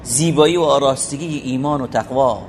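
A man's voice: mid-range voice, darkish tone, slight background noise. A man teaching a religious poem in sermon style, asking rhetorical questions and reciting Arabic quotations. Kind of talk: sermon-like lesson explaining a poem.

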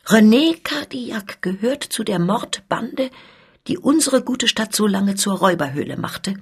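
A woman's voice: mid-range voice, animated, unhurried, breathy edge. A woman reading as a horrified older noblewoman. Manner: horrified exclamation.

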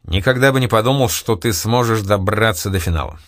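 A man's voice: fairly low pitch, brisk, dry recording, studio quality, close to an everyday voice. A male narrator voicing a hearty, effusive army general greeting his younger brother. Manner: exclaiming, effusive.

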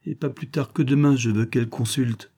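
A man voicing a gruff, protective elderly grandfather who grumbles and scolds in a husky, dark voice. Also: medium pitch, normal speed. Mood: grumbling. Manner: grumbling, exclamatory.

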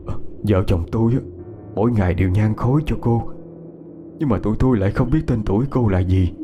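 A man's voice: on the low side, fairly quick, lo-fi sound, music in the background, lightly acted. A man voicing a kind, humble village husband who speaks politely and hesitantly. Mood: gentle. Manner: soft-spoken, polite, hesitant.

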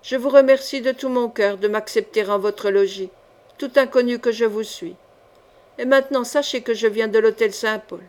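A woman's voice: on the high side, normal speed, a little mellow, close to an everyday voice. A woman reading the part of a lanky, chatty male painter with a nasal voice and flowery, courteous speech. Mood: courtly, effusive.

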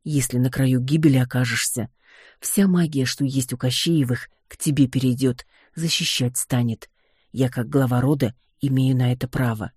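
Calm young sorcerer clan head, read by the narrator, dark husky voice, dry affection, audiobook. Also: mid-range voice, normal speed, no room sound, close to an everyday voice.

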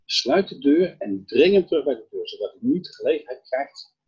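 Husky man retelling a Bible story. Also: mid-range voice, brisk, muffled recording. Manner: animated storytelling, acting out dialogue. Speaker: preacher. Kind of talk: Bible teaching, retelling scripture.

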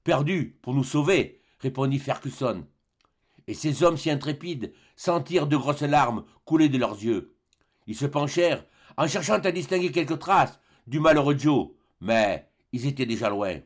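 A man narrating a classic adventure novel as an audiobook, reading dramatically and dropping low and quiet for tense moments. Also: expressive, normal speed.

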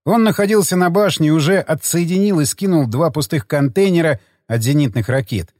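A man narrating an audiobook with expressive storytelling. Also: a little high, fairly quick, no room sound, clean studio sound. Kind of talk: scripted narration.

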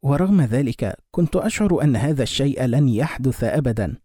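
A man's voice: medium pitch, lively intonation, brisk, mellow, husky, no echo, clean studio sound. A man voicing a young man desperately in love, speaking in an earnest, pleading way.

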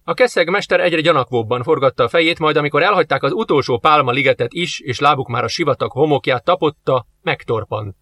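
A man narrating an audiobook with steady storytelling. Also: on the high side, few pauses. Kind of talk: scripted narration.

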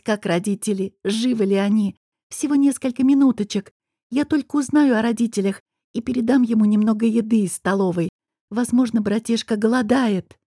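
A woman's voice: a little high, dark tone, breathy edge, dry recording, clean studio sound. A woman reading an audiobook, voicing a tearful, desperate young female student mage who pleads and shrieks accusations. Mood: pleading.

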